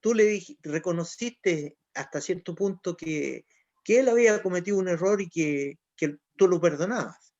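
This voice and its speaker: Reflective man with a high voice. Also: darkish tone, no echo. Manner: reflective, measured, recalls and paraphrases. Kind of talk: casual chat. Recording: dull lo-fi recording.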